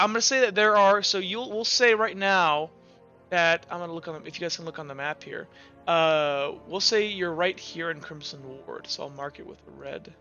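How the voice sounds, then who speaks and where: A man's pushed, bright voice, on the high side, narrates a tabletop roleplaying game as he improvises in the role of game master. Casual and hesitant, he fills the loose delivery with "like" and "kinda." The audio is dull and lo-fi with background music.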